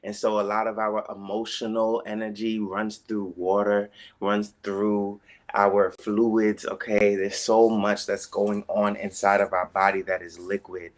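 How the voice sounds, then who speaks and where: Guy leading a breathing class on a live stream, lowish voice, calm and coaxing, keeps asking okay?. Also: unhurried. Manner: calm, coaxing, checks in with "okay?" and "all right?". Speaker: breathwork instructor.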